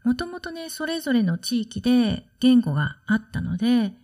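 A woman who works as a study-abroad consultant, hosting her own podcast in a relaxed, chatty way and explaining with soft asides. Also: fairly high pitch, moderate pace. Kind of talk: solo podcast talk.

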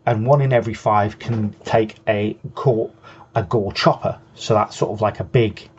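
A man's voice: on the low side, fairly even intonation, normal speed, darkish tone, highs cut off, a little hiss or hum. A man co-hosting a hobby show, patiently explaining game rules in casual chat and often restarting his sentences. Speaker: co-host.

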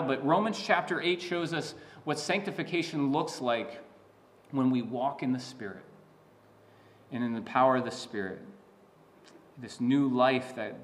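A man preaching a sermon as a pastor, teaching in an earnest, emphatic way with frequent restarts and asides. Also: mid-range voice.

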